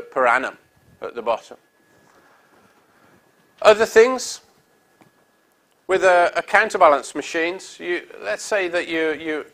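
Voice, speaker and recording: A middle-aged man with a European accent, an industry speaker, presents at a conference on a hall stage. His voice is on the high side and fairly bright, and his delivery is upbeat and salesy with frequent ums and uhs.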